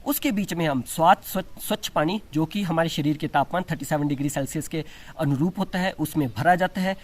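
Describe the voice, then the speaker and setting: Guy with a high voice teaching yoga, demoing moves, restarts a lot. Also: a little fast. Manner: explains step by step with frequent restarts, mixing in English terms; demonstrates exercises while talking. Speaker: yoga instructor. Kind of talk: instructional demonstration.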